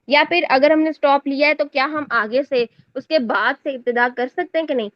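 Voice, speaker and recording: A high-pitched woman teaches a class on Quran recitation. She explains each point step by step and keeps checking that her students understand. The recording is dry and a little dull. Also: dry recording. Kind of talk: class lesson explaining exam answers.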